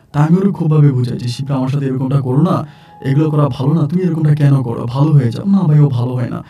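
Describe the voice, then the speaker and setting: Dark-voiced man telling his own story. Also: medium pitch, recorded from a distance. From Sylhet, Bangladesh. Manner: earnest, rambling with many fillers and repeats. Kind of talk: first-person true-life storytelling.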